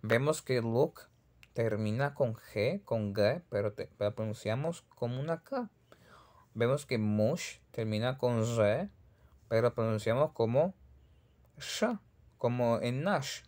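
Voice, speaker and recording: Slow-speaking Caribbean Spanish man teaching. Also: mid-range voice, darkish tone. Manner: repeats sample words slowly, patient and demonstrative. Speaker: Russian language teacher. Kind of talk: pronunciation lesson.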